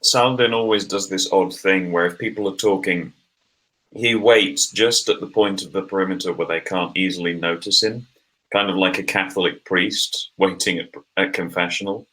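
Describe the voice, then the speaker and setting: A man with a low voice and a bright, forceful tone plays a tabletop game. He describes his character in a wordy, playful way. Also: fairly even intonation, moderate pace, low-quality recording. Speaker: player. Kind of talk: casual tabletop role-play.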